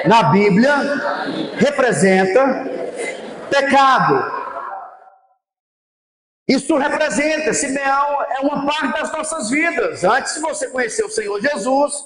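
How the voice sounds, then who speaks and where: A male pastor with a strikingly high voice delivers a sermon in slow, deliberate phrases, building to shouted high points. His voice carries through a large church sanctuary with a long, echoing reverb. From Brazil. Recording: echoey church hall.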